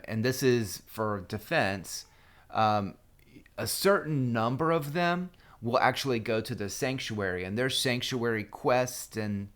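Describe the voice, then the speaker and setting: A man's voice: mid-range voice, a bit bright. A man casually talking through a mobile strategy game guide as a screen-recorded voice-over, loose and full of fillers and restarts.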